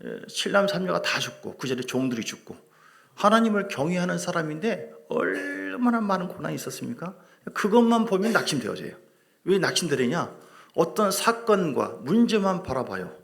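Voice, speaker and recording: A middle-aged man preaching a sermon as a pastor in a church, lively and joking with his congregation. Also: sits high, moderate pace, vocal fry. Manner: animated preaching with humor, asides to the congregation. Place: church sanctuary.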